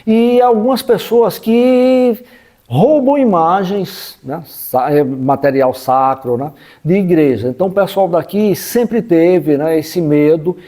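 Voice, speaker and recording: Local history from the backlands of Sergipe, in the Brazilian Northeast, is explained off the cuff by a man with a regional accent. He has a high, mellow voice and teaches didactically, checking in with listeners often.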